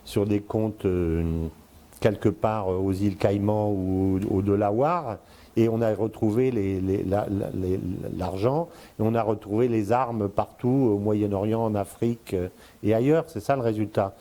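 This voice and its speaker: This older guest, a strategic affairs commentator in his sixties who was born in Congo and has lived in Africa, Spain, and Brazil, talks straight to the listener in lengthy, casual commentary. His mellow voice sits on the low side and is unhurried, often faltering over fillers and repeated words until he regains his line of thought.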